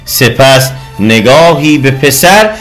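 A man narrating a children's story with a lively, expressive reading. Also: medium pitch. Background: soft music.

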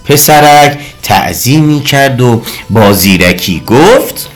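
Male storyteller; expressive, rising and falling delivery, faint music bed. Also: mid-range voice. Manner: lively, expressive reading. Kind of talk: storybook narration. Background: soft music.

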